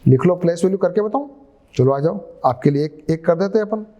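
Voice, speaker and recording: A man's voice: high-pitched, expressive, brisk, dark tone, lo-fi sound. A man teaching a maths lesson, explaining step by step and putting questions to his students.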